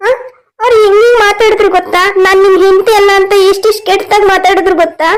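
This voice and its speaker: A woman's voice: very high voice, fairly even intonation, fast, crowd noise. A woman voicing a tearful young wife in a cartoon story, crying through hurt, pleading complaints. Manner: sobbing complaints.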